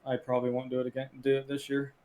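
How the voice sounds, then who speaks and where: A young man co-hosting a casual podcast chat, talking in a relaxed, rambling way with many fillers. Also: mid-range voice, rapid-fire. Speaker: podcast co-host.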